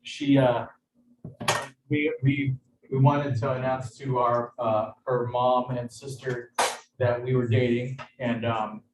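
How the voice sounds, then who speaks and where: Halting chef on an echoey video call. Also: male voice, medium pitch, little pitch movement. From United States. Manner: hesitant, halting, full of fillers and restarts. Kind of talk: casual cooking demonstration. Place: kitchen. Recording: echoey room, far from mic, background noise.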